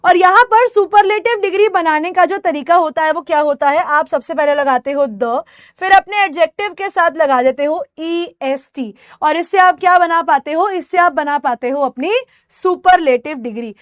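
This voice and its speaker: A woman English teacher running a live online class, explaining patiently, calling her students "beta", and slowing down to stress example words. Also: very high voice, no echo, clean studio sound.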